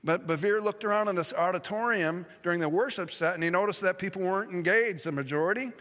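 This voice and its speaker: A man's voice: high-pitched, fast, fairly bright tone. Preaching man in a reverberant hall. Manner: storytelling preacher with fillers and self-corrections. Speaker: pastor. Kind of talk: sermon.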